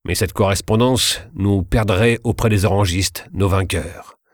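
Guy reading as a worried statesman pleading with his brother, deep low voice, dry sound. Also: a little slow, no echo. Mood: earnest. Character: anxious male statesman urging his brother to flee.

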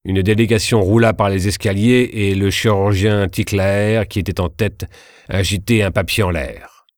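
A man narrating a historical story in a measured, steady reading. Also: fairly low pitch, no room sound, clean studio sound.

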